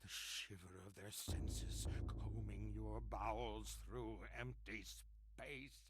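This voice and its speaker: Deranged horror-story madman, theatrical and archaic, slow and swooping in pitch. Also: very animated, very noisy. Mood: raving. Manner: lurches between hoarse whispers and manic shouts; theatrical, archaic turns of phrase. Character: deranged male survivor raving about monsters. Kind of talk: dramatic horror monologue.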